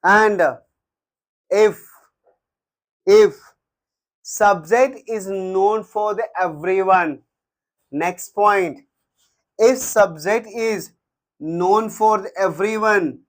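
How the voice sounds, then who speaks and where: A man's voice: sits high, takes it slowly. A man with an Indian English accent teaching a grammar lesson, repeating words and dictating examples one at a time.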